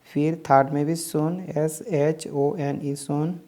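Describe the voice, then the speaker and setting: A woman's voice: deep voice, fairly even intonation, slow pace, warm tone. A woman teaching English verb forms, spelling out each word letter by letter and repeating it. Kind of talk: slow spelling-out lesson.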